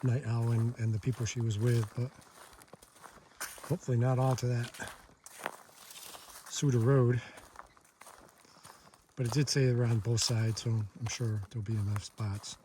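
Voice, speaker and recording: A man speaks casually to viewers of his trail vlog. He is outdoors, with a medium-pitched voice and faint ambient noise around him. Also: flat delivery, unhurried, long pauses. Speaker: hiker vlogger. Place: outdoors on a hiking trail or campsite.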